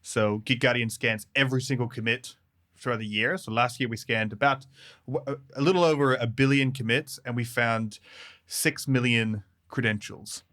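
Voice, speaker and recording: A bright-voiced man from New Zealand appears as a developer advocate guest on a casual podcast interview, speaking at a mid-range pitch and moderate pace. He's friendly and quick to laugh, with lots of fillers and restarts.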